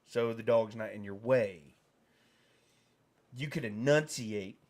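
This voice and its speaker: Middle-aged guy streaming, slow easygoing storyteller, does voices and laughs a lot. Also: on the low side. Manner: animated storyteller, mimics voices, laughs often. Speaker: streamer host. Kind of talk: casual storytelling chat.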